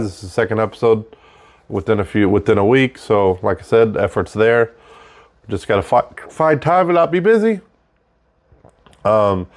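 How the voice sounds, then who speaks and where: A man hosting a casual unscripted monologue, talking conversationally and repeating points for emphasis, with audible breaths between his phrases. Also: medium pitch. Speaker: host of a show about technical trade work.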